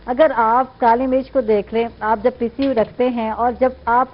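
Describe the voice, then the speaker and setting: A woman's voice: a little high, steady tone, dull audio. A woman hosting a morning show cooking segment, chatting along and affirming her guest often. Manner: chatty, affirming with frequent "theek hai". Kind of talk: live cooking segment chat.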